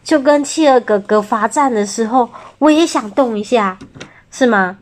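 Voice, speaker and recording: Taiwanese-accented mom, storybook read-aloud, gentle, chatty, higher voice. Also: female voice, moderate pace. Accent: Taiwanese Mandarin. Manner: gentle, chatty, asks the child questions. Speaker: mother reading to her child.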